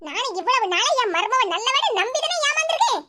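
A woman voicing a harsh, stubborn middle-aged mother-in-law in a cartoon, with a Tirunelveli Tamil accent and a fast, scolding way of talking. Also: extremely high pitch, sing-song, sharp tone, a little hiss or hum, exaggerated voice. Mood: angry. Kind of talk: cartoon voice acting.

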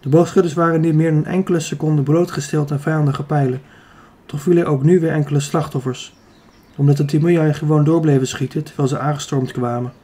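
Male audiobook reader, slightly high, mellow, steady storytelling. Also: brisk, husky. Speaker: audiobook narrator. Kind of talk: scripted narration.

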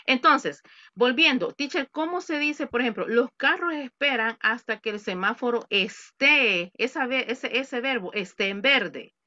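A woman's voice: fairly high pitch, expressive, a little slow, bright, forceful tone, dry recording, dull audio. A woman teaching an online English class in Spanish, patiently repeating words and examples for her students. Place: home. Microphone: computer mic on a video call.

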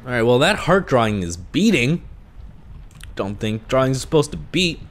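Stuffy from allergies, a young man who makes gaming videos speaks in a mid-range, sing-song voice at normal speed. He's nervously coaching himself through a horror game on a headset mic in a small home room.

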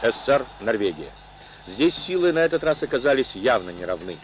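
A man's voice: mid-range voice, very animated, a little fast, background noise. Man narrating an old newsreel. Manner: formal, declamatory reporting. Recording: narration over loud music.

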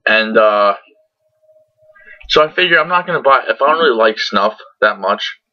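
A man's voice: fairly low pitch, lively intonation, normal speed. A young man chatting casually to camera in a laid-back, sweary, rambling review, his words slightly muffled by a lip full of dip. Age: young adult. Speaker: tobacco product reviewer. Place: small bedroom, indoors. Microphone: computer webcam at arm's length. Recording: dull lo-fi webcam audio.

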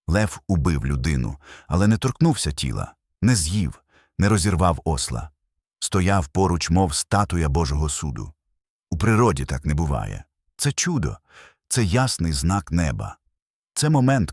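A man's voice: low-pitched, a little mellow, no echo, clean studio sound. A man delivering a scripted sermon narration as a preacher, solemn and emphatic, building with short repeated phrases.

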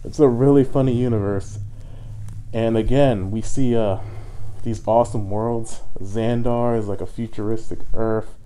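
A man's voice: lowish voice, steady tone, a little slow, warm tone, slight background noise. Muffled man talking inside a costume head. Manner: enthusiastic, rambling with fillers. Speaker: movie reviewer. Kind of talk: casual movie review. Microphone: muffled inside a fursuit head.

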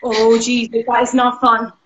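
A woman with an Irish accent leading a live workout class over a video call, energetic, counting down reps and cheering people on. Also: on the high side, moderate pace, roomy sound, dull audio, background noise. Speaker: fitness instructor.

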